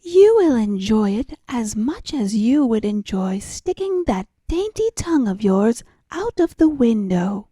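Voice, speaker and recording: A woman's voice: fairly high pitch, big pitch swings, unhurried, few pauses, mellow, slightly rough, no echo, heavily acted. A woman voicing a sly, greedy female cat in a storybook, with a smug, coaxing manner.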